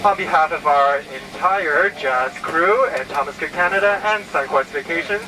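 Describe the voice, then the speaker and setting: A man's voice: on the high side, normal speed. Distant man making a formal airline cabin announcement. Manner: formal, rehearsed recitation. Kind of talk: airport-style airline arrival announcement, scripted. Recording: noisy aircraft cabin PA, distant.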